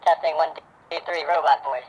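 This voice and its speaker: A man's voice: fairly high pitch, steady tone, fairly quick, breathy edge, highs cut off, voice pushed up. A man speaking through a doorbell voice changer, made to sound like a robot with an electronic filter, played back through the doorbell speaker. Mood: deadpan. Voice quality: electronic, processed. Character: male robot, flat and mechanical.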